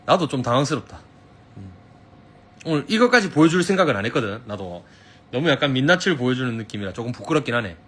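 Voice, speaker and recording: Man, Gyeongsang accent, casual live-stream host on a phone, husky and lively in pitch, playful and quick to laugh. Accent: Gyeongsang Korean. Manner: playful, laughs often, teasing. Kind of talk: casual live-stream chat reading comments.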